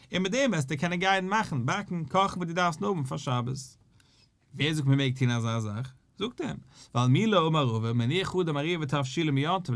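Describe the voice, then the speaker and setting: A man with a Yiddish accent teaching a daily Talmud lesson, acting out the questions and answers of the sages. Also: a little high. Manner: animated, acts out questions and answers between sages.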